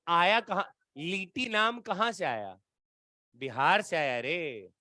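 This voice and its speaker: A man's voice: sits high, very animated, takes it slowly, bright, forceful tone, dry recording, clean studio sound. A man teaching a physics class live from Bihar, chatting and teasing his students as he quizzes them through problems. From Bihar, India.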